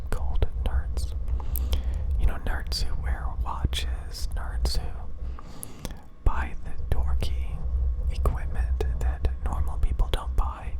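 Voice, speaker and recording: A person speaking entirely in a breathy, unvoiced whisper, rambling in a halting, repetitive way in the style of ASMR. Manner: rambling, halting, repeats words and phrases. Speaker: ASMR video creator.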